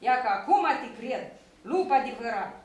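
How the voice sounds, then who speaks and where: A woman's voice: sits high, lively intonation, muffled recording. A woman voicing an old male shepherd, grumbling and folksy as she reads a play aloud. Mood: coaching. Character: old male shepherd, weary then playful. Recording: echoey room from a distance.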